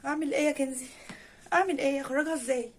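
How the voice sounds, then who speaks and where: A woman's voice: high-pitched, racing. A woman with an Egyptian accent, vlogging at home and exclaiming anxiously as she talks straight to her viewers. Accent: Egyptian Arabic. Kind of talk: casual vlog commentary to viewers. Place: her apartment, indoors.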